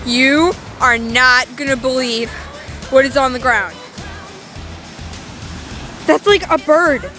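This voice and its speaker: A young woman casually narrating a handheld vlog outdoors, in an excitable, exclaiming manner. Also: high voice, slow pace, long pauses. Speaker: vlogger. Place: outdoors on a beach. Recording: outdoor beach recording with music.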